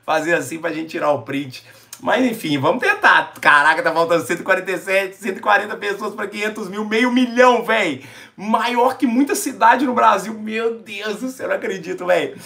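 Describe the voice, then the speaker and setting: A Brazilian man hosting a live stream, excitable and emotional, talking in slangy casual chat and close to tears. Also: high voice, brisk, gravelly. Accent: Brazilian Portuguese. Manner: excitable, slangy, calls everyone "véi". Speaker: YouTube streamer.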